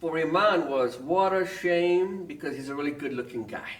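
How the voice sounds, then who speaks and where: A man's voice: on the high side, normal speed. A man in his fifties from Tanzania, a good-humored father speaking wryly in a family interview. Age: 50s. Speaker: interviewee, parent. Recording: roomy, distant mic.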